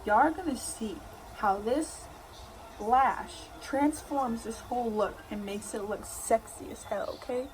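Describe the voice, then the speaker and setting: A woman's voice: a little high, measured pace. A young woman giving a casual makeup tutorial, rambling in a loose, slangy, drunk way. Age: young adult. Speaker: makeup vlogger. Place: living room at home, indoors. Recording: noisy home room recording.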